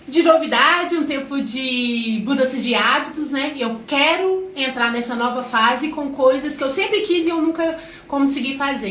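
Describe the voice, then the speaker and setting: A Brazilian woman with a high, bright voice hosts a live-stream devotional chat. She talks in an animated, expressive and affectionate way. The sound is echoey, as if in a bare room. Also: a little hiss or hum. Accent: Brazilian Portuguese. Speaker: host.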